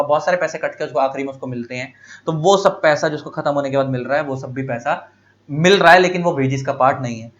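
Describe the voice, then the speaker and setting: Fast-talking male law teacher. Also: a little high, a bit bright. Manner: conversational, repeats key points, gives everyday examples. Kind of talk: lecture explaining law. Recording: dull lo-fi audio.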